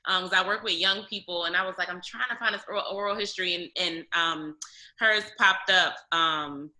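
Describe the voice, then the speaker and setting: A woman's voice: fairly low pitch, moderate pace, bright, forceful tone, rough recording. A woman hosting a film club talk, chatting with her guest and reading out audience questions. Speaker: film club host, interviewer. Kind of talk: casual interview hosting.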